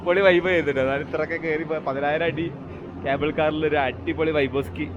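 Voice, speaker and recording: A man with a Malayali accent chats casually and excitedly to viewers, repeating phrases and mixing Malayalam with English slang. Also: fairly high pitch, brisk, muffled recording. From Kerala, India. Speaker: travel vlogger. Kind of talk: casual vlog chat to viewers. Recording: noisy outdoor ambience with vehicle sounds. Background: outdoor ambience, vehicle noise.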